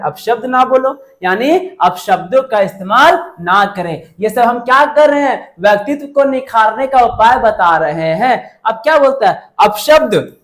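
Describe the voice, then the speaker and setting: A woman teaching a university lecture. She mixes textbook phrasing with casual speech, asks herself rhetorical questions and repeats each point twice. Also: a little high. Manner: mixes textbook Hindi with colloquial local speech.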